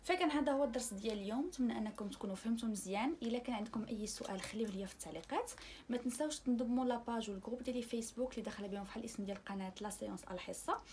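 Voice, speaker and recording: A woman speaking Moroccan Arabic, teaching French pronunciation in an online lesson and drawing out each example word slowly. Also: on the high side, a little mellow, a little hiss or hum. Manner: slow, drawn-out demonstration of pronunciation.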